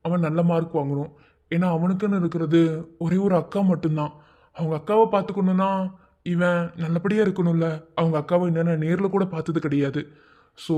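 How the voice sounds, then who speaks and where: A man's voice: fairly high pitch, darkish tone, lightly acted. A man voicing an earnest teenage schoolboy in a cartoon, patiently explaining and protective of his friend. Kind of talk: cartoon voice acting.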